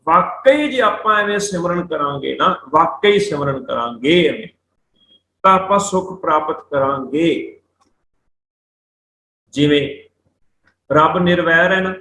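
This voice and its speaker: A Punjabi-accented man teaching Sikh scripture in a high, ringing voice. He slows to recite each verse and then explains its pronunciation letter by letter. His voice echoes around the room. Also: bright, forceful tone, a little hiss or hum. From India. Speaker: principal of a Sikh missionary college, religious teacher.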